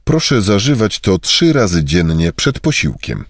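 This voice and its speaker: A man with a very low, husky voice reads short phrases one after another. His pitch moves a lot, and the recording is close and dry. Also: no echo. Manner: measured, even delivery of short phrases. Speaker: Polish phrase reader. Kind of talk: scripted phrase reading.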